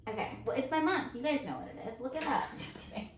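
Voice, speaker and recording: A woman's voice: sits high, animated, quick pace, reverberant, noisy background. A woman co-hosting a casual chat while doing makeup, giggling often. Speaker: co-host.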